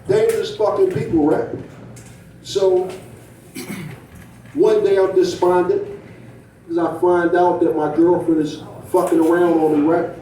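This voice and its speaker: Man, stand-up comedian, high voice, mellow tone, profane storytelling, keeps asking "right?", echoey room, distant mic. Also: steady tone, measured pace, long pauses, a little hiss or hum. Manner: profane, tags lines with "right?". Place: comedy club stage.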